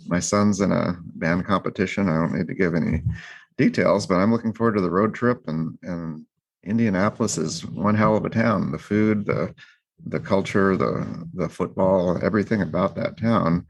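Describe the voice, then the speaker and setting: Deep-voiced man teasing playfully. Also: moderate pace, vocal fry. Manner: playful teasing, frequent repeats and ums. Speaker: podcast co-host. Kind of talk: casual podcast chat.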